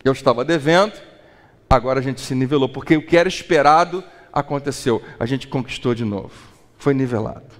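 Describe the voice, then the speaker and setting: A man preaching a sermon as a pastor, animated and acting out small dialogues. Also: mid-range voice, a little fast, in a large hall. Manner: animated, acts out little dialogues.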